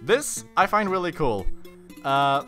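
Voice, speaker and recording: A man's voice: on the high side, big pitch swings, slow pace, sharp tone. A man giving casual, rambling commentary while playing a video game, chatty and full of fillers and self-corrections. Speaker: let's player. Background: game music.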